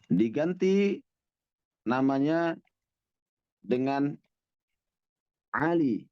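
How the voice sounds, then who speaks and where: Man, Arabic grammar teacher, patient drawn-out cadence, dry and slightly muffled sound. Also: mid-range voice, expressive, clean tone, dry recording. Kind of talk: classroom Arabic grammar lesson. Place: mosque classroom with online students.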